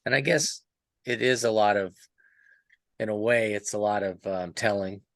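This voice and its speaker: A man's voice: fairly low pitch, moderate pace, fairly bright tone, dry recording. A man in a casual podcast book discussion, rambling and thinking aloud as he talks. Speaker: podcast panelist.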